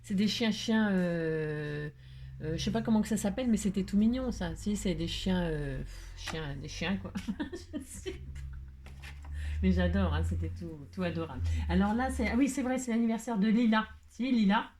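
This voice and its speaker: Brief: woman craft vlogger, mid-pitched, rambling, playful, casual chat. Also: moderate pace, a little mellow, a little hiss or hum. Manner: rambling, playful, chatty with frequent fillers.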